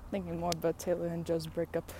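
A woman's voice: lowish voice, completely flat delivery, quick pace. A young American woman in casual, rambling solo chat, musing and effusive as she talks outdoors on a walk. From San Diego, United States. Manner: musing and effusive, laughs easily. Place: outdoors on a walk near traffic. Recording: outdoor traffic noise, passing vehicles. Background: passing trucks and ambient noise.

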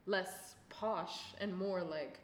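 A woman's voice: fairly low pitch, steady tone, drawn-out words. A young woman co-hosting a casual chat podcast, playful and giggly, dropping to a murmur while she searches for things. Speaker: podcast co-host. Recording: echoey room, faint background hiss.

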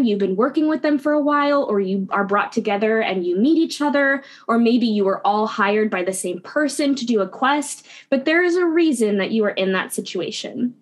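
A young woman teaching an online class over a video call, chatty and upbeat with lots of "like" and "um". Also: a little high. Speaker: guest instructor.

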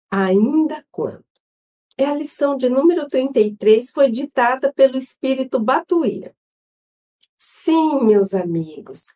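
A Brazilian woman hosting an online Spiritist gospel study, leading an opening prayer and reading a devotional text in a solemn, measured way. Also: fairly high pitch, mellow. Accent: Brazilian Portuguese. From Brazil, São Paulo state.

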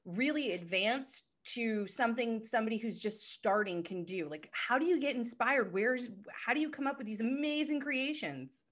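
A woman hosting an interview show, gushing and enthusiastic, talking in quick bursts full of "like". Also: on the high side, animated, fairly bright tone. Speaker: podcast host. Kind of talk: casual interview.

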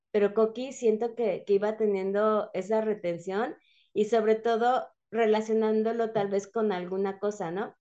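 A woman's voice: mid-range voice, mellow, dull audio. Chatty Mexican woman telling family stories. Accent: Mexican Spanish. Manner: chatty, laughs often, tells anecdotes. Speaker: host mother of an exchange student. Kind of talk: casual podcast storytelling.

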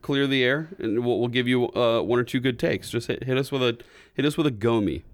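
A man's voice: medium pitch, brisk, no echo. A man co-hosting a podcast in casual chat, laughing often and repeating words as he starts sentences. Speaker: podcast co-host.

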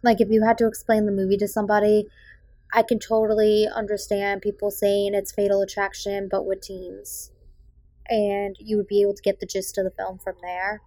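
This podcast host is a young adult woman from the South Shore of Massachusetts whose faint Boston accent comes through as she chats opinionatedly about movies, often saying um. Her medium-pitched voice is mellow and husky, with little pitch movement, at a normal speed, recorded dry.

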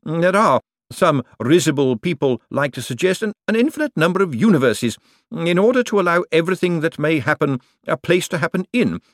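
A man's voice: a little high, very animated, normal speed, no room sound, studio quality, pitched above the performer's own voice. A man doing an icy, pompous chief clerk. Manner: disdainful, hesitant "mm" before replies.

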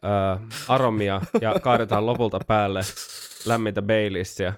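A man's voice: fairly low pitch, steady tone, no room sound, clean studio sound. A man co-hosting a podcast, explaining things in an easygoing, casual way. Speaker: podcast co-host. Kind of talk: casual chat.

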